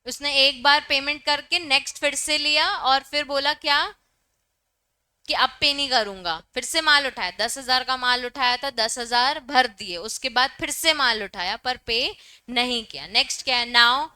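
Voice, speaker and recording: A woman's voice: high voice, moderate pace, sharp tone, clear, resonant tone. A young woman teaching a law class, explaining with everyday examples and mixing Hindi and English terms.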